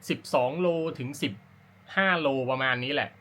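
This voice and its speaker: This man has a mid-range, sharp-toned voice and talks at a moderate pace. He's an amateur running vlogger chatting informally to the camera about his personal routine, wandering off track and fixing his own words as he goes.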